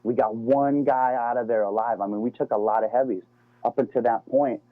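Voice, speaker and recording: Calling the host "man" and "dude," a middle-aged former Navy SEAL from the United States chats casually by phone. His mid-range voice is steady and fairly quick, and the recording over the tinny line is dry.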